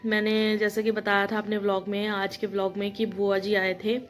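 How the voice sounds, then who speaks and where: A woman's voice: mid-range voice, monotone, moderate pace, poor audio. A young woman vlogging in casual chat, emotional and talkative, often addressing her viewers directly. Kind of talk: casual vlog talk.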